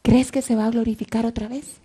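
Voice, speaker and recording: A woman's voice: fairly high pitch, level tone, brisk, dark tone, slightly rough. A woman preaching a Sunday sermon, often dropping to near whispers and rising to fervent cries.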